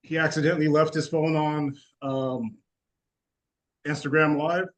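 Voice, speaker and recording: A man co-hosting a casual sports talk show, speaking in a relaxed, hesitant way with lots of fillers. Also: a little high, measured pace, low-quality recording. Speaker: co-host.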